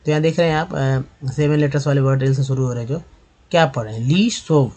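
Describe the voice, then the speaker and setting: A man giving a spoken lesson on reading English, explaining slowly with many fillers and repetitions. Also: mid-range voice, fairly even intonation, a little mellow. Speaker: English teacher.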